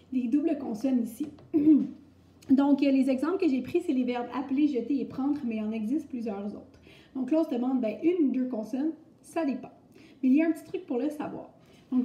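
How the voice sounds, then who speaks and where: A woman's voice: on the high side, dark tone. A young woman with a Québécois French accent giving a recorded grammar lesson, explaining step by step in a chatty way with many fillers. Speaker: French teacher. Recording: echoey, muffled room recording.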